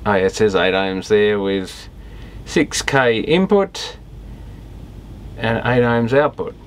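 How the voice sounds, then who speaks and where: A man with a fairly low voice mutters slowly through an electronics repair, offering casual, unscripted workbench commentary. As an electronics repairer and video host, he thinks aloud in fragments that often trail off, with clear background noise behind him.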